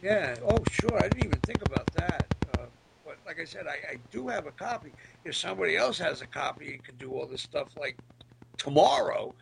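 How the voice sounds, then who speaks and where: A middle-aged man with a very gravelly, gritty rasp talks casually about old memories as a guest. He speaks haltingly and hunts for his words, in a slightly high register for a man. The recording is a little noisy, with clicks. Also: lively intonation. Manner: halting, hesitant, searching for words. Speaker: podcast guest, former military band musician. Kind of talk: casual reminiscing interview.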